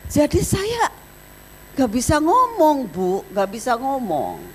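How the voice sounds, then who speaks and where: A woman's voice: high-pitched, wildly swooping pitch, slow pace, a little hiss or hum, voice pushed up, exaggerated voice. A woman acting out a shaken male protester who pleads in a choked-up voice. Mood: moved. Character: shaken middle-aged male protester, softened.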